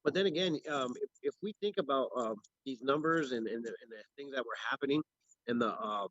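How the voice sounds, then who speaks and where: A man's voice: medium pitch, fairly quick, fairly bright tone, no echo. Rambling man on a muffled phone stream. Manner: rambling, many restarts and fillers. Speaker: co-host of a local news livestream. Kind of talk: casual ad-libbed chat.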